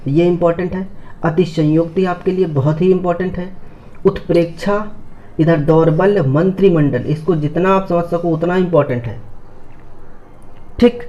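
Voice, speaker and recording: A man teaching a spelling class in a slightly high voice. He spells each word piece by piece, repeats it several times and keeps asking whether the students have understood. The recording sounds dull and lo-fi. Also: darkish tone. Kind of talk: Hindi spelling lesson.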